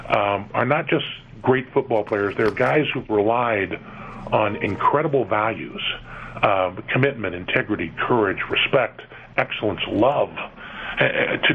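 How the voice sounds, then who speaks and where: A middle-aged man from California, a guest on a radio interview, who talks in a halting way with many repeated words and fillers. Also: lowish voice, breathy edge. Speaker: interview guest, museum executive. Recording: dull lo-fi radio broadcast with faint noise.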